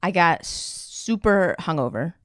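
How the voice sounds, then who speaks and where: A woman's voice: lowish voice, expressive, a little slow, dry recording. A woman talking casually and jokingly as a podcast guest, slangy and self-mocking. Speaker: podcast guest, comedian and impressionist.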